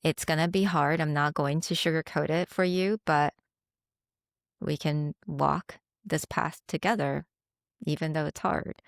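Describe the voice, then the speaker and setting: A woman hosting a podcast, asking questions in a warm, admiring, unhurried way. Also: sits low, fairly even intonation, gravelly, no echo, clean studio sound. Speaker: podcast host. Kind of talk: casual interview chat.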